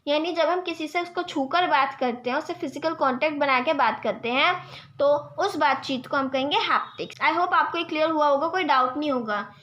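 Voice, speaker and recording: Indian lady teacher, high voice, reads out english definitions slow then explains in hindi. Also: a bit bright. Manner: asks quiz questions and answers them herself. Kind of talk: exam-prep lecture.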